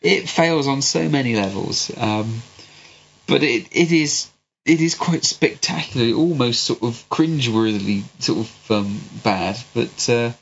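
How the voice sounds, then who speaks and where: A man's voice: medium pitch, expressive, measured pace. A man with a West Country English accent, congested with a cold, chatting casually and rambling about films as a podcast host. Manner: sweary, rambling. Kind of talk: casual film review chat. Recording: dull lo-fi sound with clear hiss.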